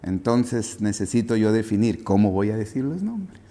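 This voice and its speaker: A man's voice: fairly low pitch, sing-song, moderate pace, dark tone. A man preaching as a pastor, chatty and teasing, stopping to quiz the congregation. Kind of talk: sermon with asides to the congregation. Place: church.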